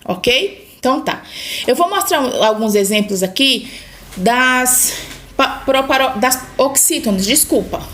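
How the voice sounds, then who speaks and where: A woman's voice: high-pitched, animated, a little slow, fairly bright tone, slight background noise. A woman with a Brazilian Portuguese accent teaching a grammar lesson to children, patiently repeating points and checking in with "tá?".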